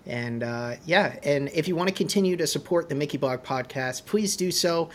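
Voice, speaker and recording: A man's voice: a little high, moderate pace, slight background noise. A man hosting a podcast, talking casually and often restarting and repeating his words as he wraps up the episode. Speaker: podcast host.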